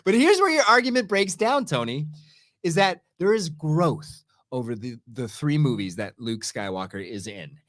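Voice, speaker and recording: Animated middle-aged man, dry sound. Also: on the high side, normal speed, no echo. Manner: animated, jokey. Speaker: podcast co-host. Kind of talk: casual chat.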